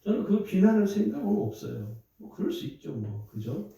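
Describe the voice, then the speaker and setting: Male pastor, sermon delivery, animated pitch, slightly high; distant mic in a very echoey hall. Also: moderate pace, vocal fry. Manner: storytelling, conversational with rising emphatic bursts.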